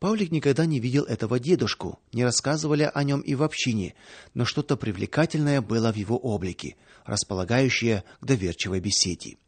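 A man reading a story aloud in a calm, even audiobook narration. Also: mid-range voice, a little fast, breathy edge, no echo.

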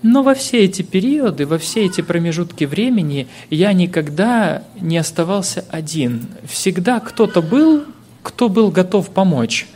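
A man's voice: high-pitched, big pitch swings, unhurried, a little mellow, a little hiss or hum. Earnest man preaching a sermon. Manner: earnest, heartfelt testimony with hesitant fillers.

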